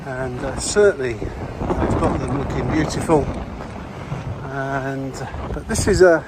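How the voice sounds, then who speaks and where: A man's voice: medium pitch, slow pace. Older man rambling on a windy coastal walk. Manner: rambling, chatty, many fillers and restarts. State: slightly breathless from walking. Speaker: walking vlogger. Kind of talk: casual walking commentary. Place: outdoors on a clifftop coastal path. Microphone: body-worn mic while walking. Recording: loud outdoor wind and traffic noise. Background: outdoor ambience and passing vehicles.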